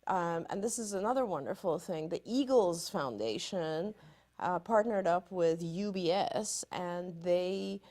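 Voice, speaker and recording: A middle-aged woman from Iran, hosting a live show and chatting casually in an upbeat, rambling way with quick restarts. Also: lowish voice, lively intonation, darkish tone. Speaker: psychologist and show host. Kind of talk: casual live-stream chat.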